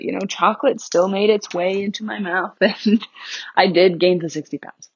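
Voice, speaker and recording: Candid woman podcast host, lo-fi sound. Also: husky. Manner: candid and conversational, laughing now and then, with a lot of pitch movement. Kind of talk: personal storytelling podcast.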